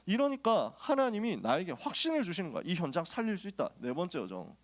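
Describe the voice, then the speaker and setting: A man's voice: high-pitched, quick pace. A male pastor preaching to a youth group, telling personal stories in a casual, joking way before urging his listeners on. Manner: lively storytelling, casual and joking, then exhorting.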